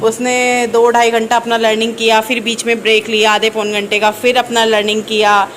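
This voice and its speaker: A woman's voice: a little high, monotone, a little fast, a bit bright, a little hiss or hum. A middle-aged woman from North India narrating a casual home vlog, chatting and explaining each step while she cooks. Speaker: vlogger. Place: home kitchen.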